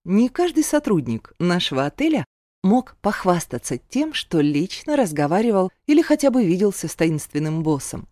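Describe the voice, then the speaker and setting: A woman reading a first-person story aloud in a calm, even narrating manner. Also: on the low side, normal speed, no echo. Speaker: audiobook narrator.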